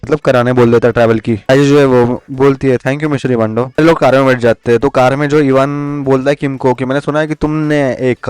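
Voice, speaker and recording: A man's voice: mid-range voice, darkish tone, smooth, dry recording. A man casually retelling a manga story in a chatty way, with slangy asides and English words mixed in. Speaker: manga recap narrator.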